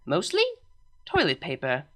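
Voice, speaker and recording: A woman's voice: sits low, wildly swooping pitch, a little slow, fairly bright tone, heavily acted. A woman voicing a blunt, proud alicorn princess with a matter-of-fact, slightly pompous delivery. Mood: indignant.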